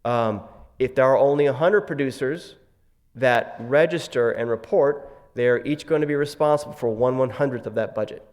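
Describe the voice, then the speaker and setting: Male conference presenter, casual and wry, lots of ums, medium pitch, long hall echo. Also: moderate pace, darkish tone. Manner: casual, many fillers and wry asides. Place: conference session room.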